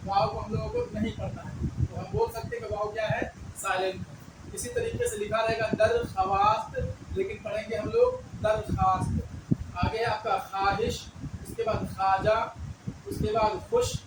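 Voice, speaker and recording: A man with a high voice gives a patient beginner language lesson, asking questions and answering them himself. He sounds set back from the mic in an echoey room. Clear traffic noise runs behind him. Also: far from the mic. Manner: patient, asks and answers his own questions, repeats key words. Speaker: Urdu teacher.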